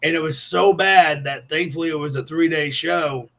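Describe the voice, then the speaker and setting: A man's voice: on the high side, moderate pace, creaky, bright, forceful tone. A man guesting on an interview show, telling blunt, brash stories about his acting work and laughing as he goes. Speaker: actor guest. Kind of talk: casual interview storytelling.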